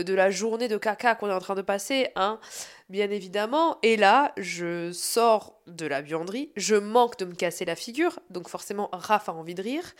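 Lively self-mocking woman podcaster. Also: on the low side. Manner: animated and self-mocking, swearing casually; shifts between fast asides and slow, dragged-out emphasis. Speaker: podcast host. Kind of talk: casual solo podcast storytelling.

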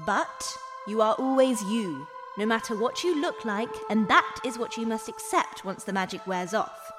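A kind, gentle fairy godmother from a storybook, as a man puts her on, speaking in a hushed, measured way. Her voice sits a little high and rings with a long reverb. Music plays underneath. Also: animated.

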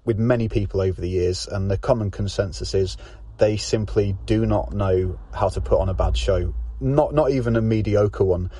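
A man's voice: on the low side, warm tone, no room sound. A man hosting a podcast, recording a solo intro full of "um"s and enthusiastic praise. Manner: filler-heavy, enthusiastic. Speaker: podcast host.

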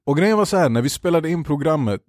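A man's voice: fairly high pitch, animated, darkish tone, no echo, studio quality. A man chatting casually as a podcast guest about making his TV show. He talks in loose slang and drops English phrases in. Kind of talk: casual chat.

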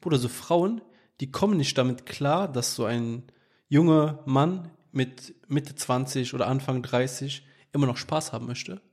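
Junger Mann im lockeren Straßenslang, mittlere Tonlage. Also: male voice, medium pitch, a little slow, a little mellow, husky. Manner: slangy, insistent, repeats phrases for emphasis. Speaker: podcast co-host asking questions. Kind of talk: casual chat.

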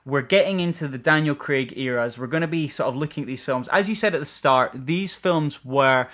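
Animated chatty man with a bright voice. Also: mid-range voice. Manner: animated, rambling, quick to laugh. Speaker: podcast co-host. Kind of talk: casual film discussion chat.

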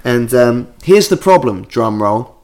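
A man's voice: medium pitch, expressive, measured pace, darkish tone. A man riffing loosely as a comedy podcast co-host. He rambles, restarts and slips into mock voices as he reads listener letters aloud. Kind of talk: casual comedic chat, reading listener letters.

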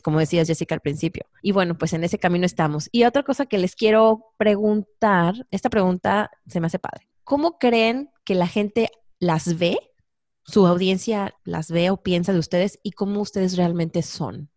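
A woman's voice: lowish voice, a little mellow, dry recording, clean studio sound. A woman hosting a casual chat, speaking in a reflective, encouraging way. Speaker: host.

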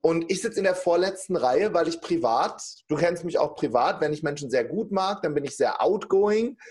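A man's voice: a little high, moderate pace. A middle-aged man telling a personal story in casual conversation, acting out the people he quotes. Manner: lively storyteller, acts out quoted speech. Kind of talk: personal anecdote in casual talk.

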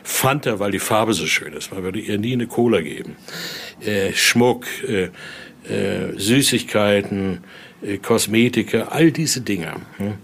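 With a lowish voice and a slightly slow delivery, an older man working as a museum guide and being interviewed tells stories and explains things like a tour guide. His speech is spontaneous and full of little questioning tags, and the indoor exhibition room sounds clearly noisy.

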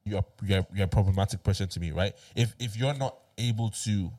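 A man's voice: fairly low pitch, a little fast, warm tone. A young man in casual discussion, speaking emphatically, repeating himself and often checking that he is followed.

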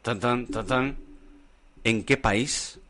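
A man's voice: medium pitch, very slow, background noise. A man, chatting casually as podcast co-host in front of a live bar audience, joking and restarting his sentences. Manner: joking, rambling anecdotes with many restarts.

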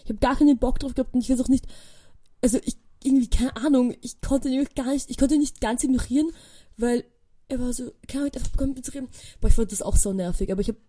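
A young woman, hosting a podcast and telling a story casually, with lively quoted dialogue and many fillers. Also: on the high side, fast. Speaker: podcast host.

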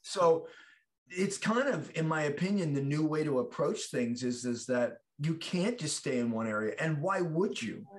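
This is a middle-aged actor from the U.S., a guest chatting casually about his work in film and stage. Fairly high-pitched and animated at a moderate pace, he rambles, starts over, and dramatizes quoted dialogue.

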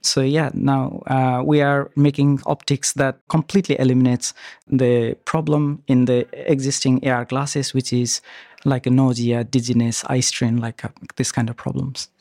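A man's voice: mid-range voice, level tone, normal speed, a little mellow, no room sound, clean studio sound. A man from Nepal, a startup CEO, answering interview questions earnestly with hesitant fillers.

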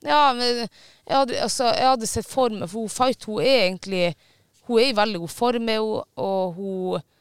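Man, casual chat, high voice, smooth yet gravelly, dry close sound, animated storytelling. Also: no room sound. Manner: animated, swearing storytelling with many fillers.

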